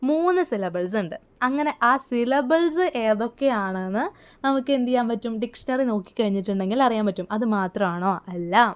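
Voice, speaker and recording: A woman's voice: fairly high pitch, expressive, clean tone. Woman teaching, asking and answering herself. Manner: asks questions and answers them herself; reads English lines slowly. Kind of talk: exam-prep lesson mixing Malayalam and English.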